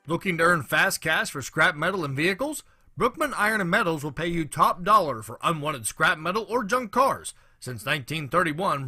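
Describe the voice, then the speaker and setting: A male ad announcer with a high, very lively pitch and a bright, husky edge, recorded dry and close with light music beneath. His delivery is upbeat and salesy. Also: no echo. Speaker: commercial announcer. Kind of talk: read local radio ad.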